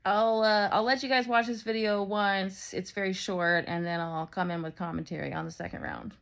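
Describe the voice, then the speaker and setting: A woman's voice: mid-range voice, fairly even intonation, moderate pace, creaky, fairly bright tone. A woman in her thirties doing sarcastic, profane reaction commentary on a video clip. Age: 30s. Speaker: commentary host.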